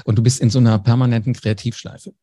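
A man's voice: medium pitch, level tone, fast, dark tone, breathy edge. A man, a former radio host, telling anecdotes in a casual interview, speaking directly to the listener. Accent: German.

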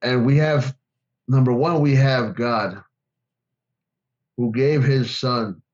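A man's voice: medium pitch, steady tone, takes it slowly, darkish tone. A man co-hosting a faith podcast, telling a story to a friend in loose casual talk. He restarts often and calls his friend bro. His audio is a little dull and lo-fi. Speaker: podcast co-host.

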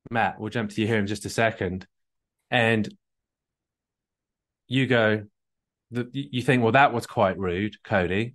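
An English man coaching on a live call, explaining a point with quick restarts and acted-out quotes. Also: medium pitch, fairly bright tone. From England.

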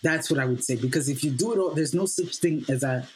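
A fairly high-pitched man, a playwright whose first language is Swahili, is interviewed on a podcast in a rough recording with slight background noise. Earnest at first, he stumbles through fillers before landing on emphatic lines he repeats.

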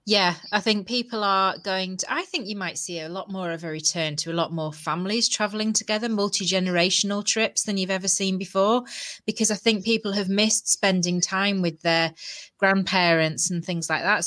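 A woman's voice: medium pitch, brisk, fairly bright tone, no echo. A woman co-hosting a podcast, chatting in an enthusiastic way. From United Kingdom. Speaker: podcast co-host. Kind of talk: casual podcast discussion.

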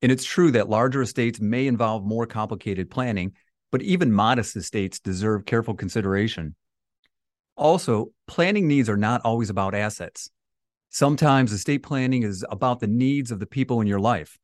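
A man's voice: fairly low pitch, normal speed, no room sound. Man explaining on a dry-sounding podcast. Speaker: financial advisor and podcast co-host. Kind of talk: prepared explanatory podcast talk.

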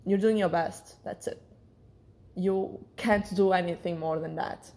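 Lower-voiced woman in casual reflective monologue. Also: fairly even intonation, a little slow, warm tone. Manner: hesitant, searching for words, self-correcting. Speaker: solo podcast host.

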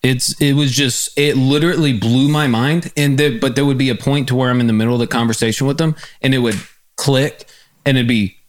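A man's voice: medium pitch, fairly even intonation, brisk. Easygoing man telling stories. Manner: easygoing storyteller, laughs often. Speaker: podcast host. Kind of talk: casual chat.

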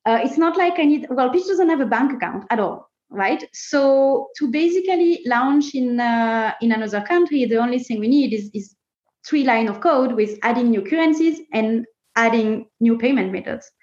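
High-voiced woman, animated startup founder, echoey. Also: moderate pace. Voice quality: non-native English phrasing. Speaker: startup co-founder, interview guest. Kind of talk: casual interview talk. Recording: muffled, echoey room sound.

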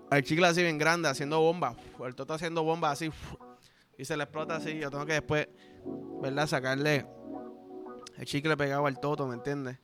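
A man in his thirties with a Puerto Rican accent, hosting a podcast and telling crude jokes in casual solo chat. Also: fairly high pitch. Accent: Puerto Rican Spanish. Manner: crude, joking, animated storytelling. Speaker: podcast host.

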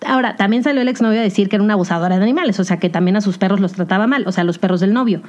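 A young woman with a Mexican accent hosting a podcast, telling a personal story in a casual, animated confessional monologue. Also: medium pitch, racing, highs cut off. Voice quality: chatty, animated storytelling with English slang. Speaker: podcast host.

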